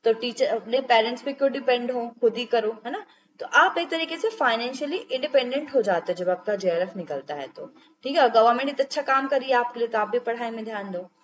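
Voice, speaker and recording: Young female lecturer with a high voice, explaining step by step, dull lo-fi recording. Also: expressive, quick pace. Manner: explains step by step, asks checking questions. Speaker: teacher. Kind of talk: exam-prep lecture.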